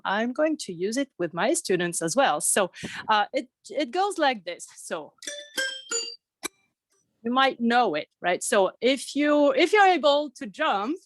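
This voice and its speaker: A woman music teacher presenting on a video call, talking in a halting way with many fillers and restarts. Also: mid-range voice, dry recording. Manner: halting, many fillers and restarts, sings snatches of a children's song.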